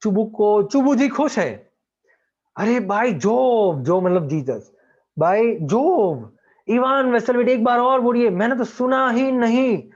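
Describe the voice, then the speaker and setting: High-voiced Indian man teaching a play. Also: animated. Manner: reads lines aloud slowly and acts out characters with laughs. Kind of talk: explaining a play in Hindi and English. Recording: dull lo-fi sound.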